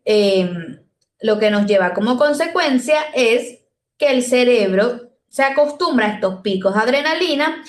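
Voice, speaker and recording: Casting: woman, Venezuelan Caribbean accent, fairly high voice, casual halting lecturer, echoey room sound. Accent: Venezuelan Caribbean Spanish. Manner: conversational, halting, thinking aloud with repeated words. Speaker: presenter giving an online talk. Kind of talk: informal lecture with slides.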